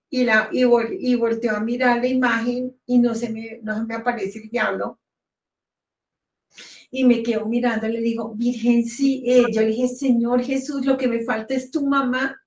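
A higher-voiced woman speaks in an earnest, halting way, often circling back and repeating herself. Her voice sits a little away from the microphone, in a roomy, echoing space. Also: muffled recording. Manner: earnest, halting, repeats words, quotes her own prayers. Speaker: interview guest sharing a testimony. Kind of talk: emotional personal testimony. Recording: echoey room, voice from far off the mic.

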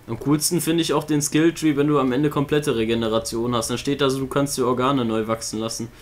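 A man's voice: mid-range voice, steady tone, brisk, slight background noise. A man co-hosting a casual let's-play, chatty and laughing easily as he banters over the game. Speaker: gaming co-host.

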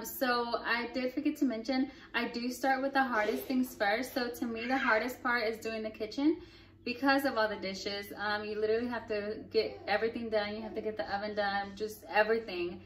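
Cleaning her home kitchen on camera, a young woman vlogger chats casually with viewers, reassuring them and apologizing a little for the mess. Her voice sits on the high side, steady and fairly quick.

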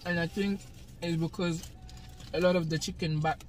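A woman's voice: lowish voice, steady tone, normal speed, darkish tone. A young Jamaican woman chatting casually while eating on camera in a parked car at night, often breaking into laughter. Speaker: vlogger. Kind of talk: casual eating-show chat.

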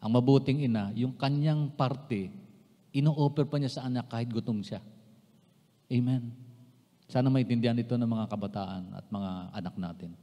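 A man's voice: medium pitch, moderate pace, long pauses, dark tone. A man from the Philippines, a pastor preaching a sermon to his congregation. He switches between Tagalog and English, repeats key phrases for emphasis and addresses his listeners politely. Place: church sanctuary. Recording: long reverb of a church hall.

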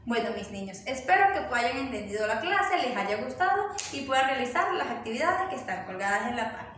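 A woman's voice: a little high, sing-song, fairly quick, a bit bright. A woman teaching a recorded language lesson to first graders, patient and careful, saying words out one at a time. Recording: very echoey room, voice from far off, faint hiss.

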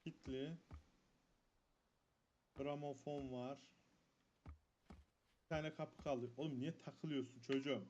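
Speaking slowly with long pauses, a man with a medium-pitched, slightly mellow voice and fairly even intonation commentates on a horror game he is streaming. Easily startled, he curses and quietly mutters prayers when scared, recorded on a dull lo-fi mic with faint noise.

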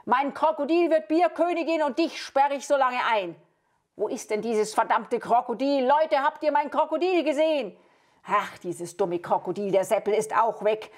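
A woman's voice: sits high, normal speed, a little mellow, natural voice. A woman puppeteer voicing a scheming male wizard who bosses everyone around and grumbles at his mistakes. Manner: bossy, grumbling. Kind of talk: Bavarian puppet show.

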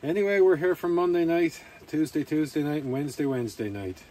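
A man with a higher, darkish voice narrates a camping vlog fairly quickly, rambling casually to camera. The setting is a rainy outdoor campsite with faint ambient noise.

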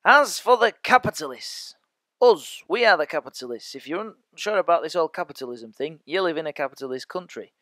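A man's voice: fairly high pitch, expressive, fast talker, hardly any pauses, fairly bright tone, no echo. A man teaching a history lesson as a podcast, chatty and joking with his listeners. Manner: chatty, jokey asides to listeners. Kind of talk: educational podcast lecture.

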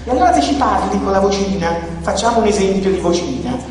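A man gives a blunt, colloquial conference talk, his pitch swinging lively as he acts out exchanges. He sounds far from the microphone in a very echoey hall, with a long reverb tail and faint noise behind. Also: fast. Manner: animated, blunt, acts out dialogues. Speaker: conference speaker.

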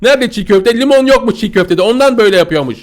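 A young man commentating his gameplay in a high, bright voice. His pitch leaps all over the place as he giggles and squeals. He talks straight to his viewers. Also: animated, fast. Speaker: gaming YouTuber.

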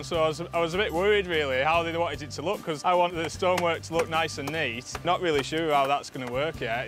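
Matter-of-fact male stonemason, slightly high. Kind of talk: casual interview.

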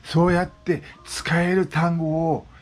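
A man's voice: on the high side, flat delivery, slow pace. A man in his sixties talking casually as a vlogger, explaining things with repeated examples. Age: 60s. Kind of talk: casual monologue. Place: West Oahu, Hawaii.

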